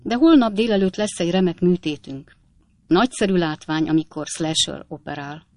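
A woman voicing a flippant young male medical student who tells gruesome stories in a breezy, animated way. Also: fairly low pitch, dry recording, close to an everyday voice. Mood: breezy boastful.

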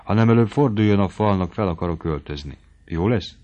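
Brief: male reader voicing a bashful young woman for a storybook, quiet and low, muffled lo-fi. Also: natural voice. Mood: shy. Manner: soft, bashful. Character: shy, gentle young woman. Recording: dull lo-fi audio.

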